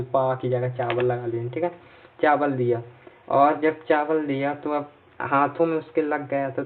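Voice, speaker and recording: A man teaching an exam-prep lesson through memory tricks. He repeats himself a lot and keeps checking in with his listeners. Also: a little high. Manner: repetitive, checks in often with "ठीक है". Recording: tinny, phone-like sound from a distance off mic.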